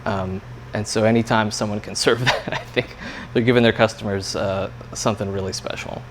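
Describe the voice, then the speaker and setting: A man's voice: on the low side, fairly even intonation, a little fast. A man working as a coffee roaster, explaining things in a casual interview chat with loose, hesitant phrasing. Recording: clear background room noise.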